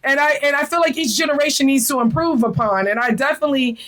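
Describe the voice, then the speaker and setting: A woman's voice: sits high, fast, a bit bright, poor audio. A middle-aged woman hosting a casual spiritual chat, talking earnestly and emotionally, often repeating her phrases. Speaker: podcast host.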